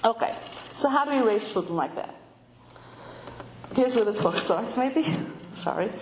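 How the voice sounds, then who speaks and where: A middle-aged woman giving an informal talk to women, telling stories with animation and voicing children in a high pitch. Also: lively intonation, measured pace. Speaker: speaker addressing a women's audience. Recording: echoey room with faint noise.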